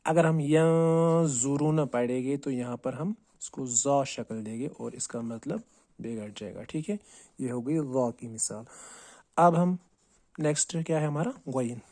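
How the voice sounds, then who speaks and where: A man teaching Quran recitation. He asks and answers his own questions and repeats words slowly, drawing out each sound to show how to say it. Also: medium pitch, mellow, dry recording. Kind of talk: tajweed lesson on letter pronunciation.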